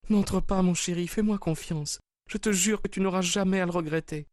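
A man voicing a frantic young wife in a read-aloud story, pleading in a high, breathless voice. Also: normal speed, no room sound, studio quality, natural voice.

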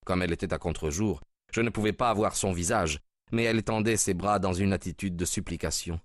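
A man narrating a story aloud in an even, measured reading voice. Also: low-pitched, no room sound, studio quality. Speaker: audiobook reader. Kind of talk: scripted narration.

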